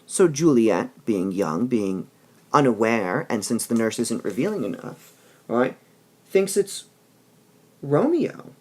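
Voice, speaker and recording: A man's voice: mid-range voice, big pitch swings, slow pace. A man teaching a literature lesson, explaining patiently and often checking in with "all right?" between passages he reads aloud.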